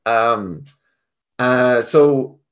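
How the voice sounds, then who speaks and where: Through a muffled recording, a man with a mid-range voice speaks extremely slowly. He's a tech sales team lead and interview guest with a west of Ireland accent, recounting his story in a chatty, informal way and frequently quoting his own past conversations aloud.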